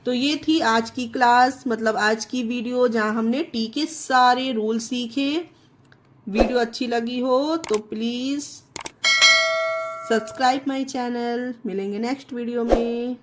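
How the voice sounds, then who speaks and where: A woman with a high voice teaches English pronunciation in a classroom style. She talks slowly and spells each word out letter by letter. She keeps checking that her viewers follow. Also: fairly even intonation, noisy background. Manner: slow, repeats words and spells them out letter by letter.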